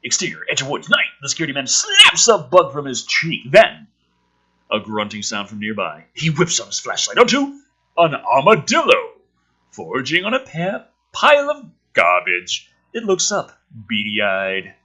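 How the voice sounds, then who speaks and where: A man with a slightly sick throat, a little ill, hosts a read-aloud of a film script, mocking it with sweary, sarcastic, exasperated rants and jokes. His mid-range voice swoops wildly in pitch, sounding sharp with a breathy edge, at normal speed.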